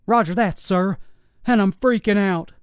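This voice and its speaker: A man doing a frightened Navy SEAL barking clipped radio talk while on the run. The voice is pitched well above the narrator's own and sounds pressed and urgent, clearly a put-on voice. The reading is dry and close. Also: unhurried, dry recording. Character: shaken male Navy SEAL soldier on the run.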